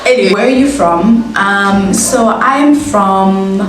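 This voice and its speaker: A woman's voice: medium pitch, takes it slowly. South african woman, twenties, chatty vlogger, very echoey room, music playing underneath. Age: 20s. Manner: chatty, laughs at herself, bubbly asides. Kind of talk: casual get-to-know-me chat. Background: background music.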